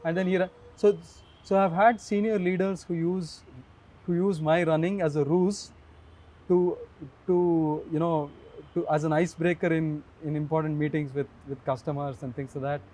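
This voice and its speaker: A man's voice: a little high, level tone, normal speed, mellow. A man, a runner being interviewed, answering hesitantly and repeating words as he starts his thoughts. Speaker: guest, runner.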